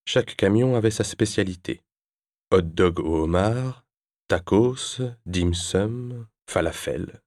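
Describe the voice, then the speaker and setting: Male narrator, very low voice, measured storytelling, dry close studio sound. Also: darkish tone, no room sound. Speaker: audiobook narrator. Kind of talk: scripted narration.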